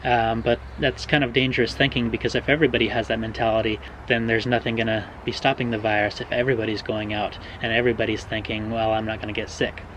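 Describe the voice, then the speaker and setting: Man, American accent, young adult, casual vlog, relaxed hedging, faint background noise. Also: lowish voice, quick pace, hardly any pauses, poor audio. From Oregon, USA. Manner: relaxed, hedging, many ums and uhs. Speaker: vlogger answering viewer questions.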